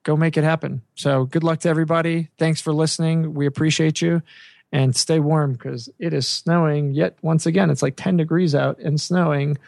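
A man's voice: on the high side, fairly even intonation, normal speed, creaky, a little mellow, no room sound. A man hosting a podcast in a casual, conversational way. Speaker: podcast host.

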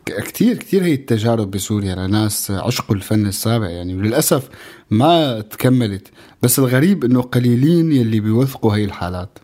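A man's voice: fairly low pitch, lively intonation, fast talker, warm tone. A man with a Syrian Arabic accent co-hosting in a casual, chatty way, often repeating words as he tells stories. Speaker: co-host. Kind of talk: casual conversational storytelling.

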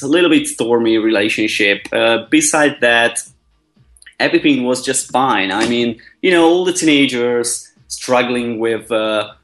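A man, a guest answering interview questions in a friendly, relaxed way, thinking aloud as he talks. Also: medium pitch, low-quality recording. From Hungary. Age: 20s.

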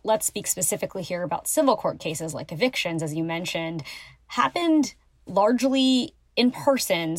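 A woman's voice: fairly low pitch, no room sound. A woman lawyer and researcher explaining her subject as an interview guest.

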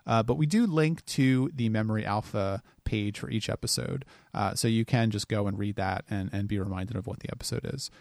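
A man's voice: fairly low pitch, a little fast, gravelly, few pauses, a little mellow, dry recording, studio quality. A man co-hosting a casual podcast, chatting plainly and reading out listener reviews. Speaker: podcast co-host.

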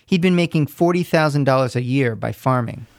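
A man narrating a scripted radio feature report in a measured, descriptive way. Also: mid-range voice, vocal fry.

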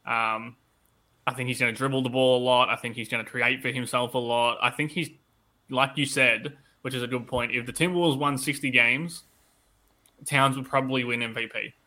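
A man's voice: medium pitch, steady tone, normal speed, bright, forceful tone. A man co-hosting a casual sports podcast with analytical, conversational talk, his voice affected by tonsillitis. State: tonsillitis-affected voice that comes and goes. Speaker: podcast co-host.

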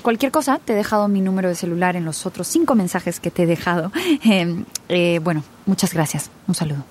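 A woman's voice: on the low side, brisk, darkish tone, a little hiss or hum, lightly acted. An actress playing a persistent woman journalist, leaving a polite voicemail message and asking to be called back. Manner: polite, slightly awkward phone message. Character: young woman journalist chasing a story, persistent. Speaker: reporter.

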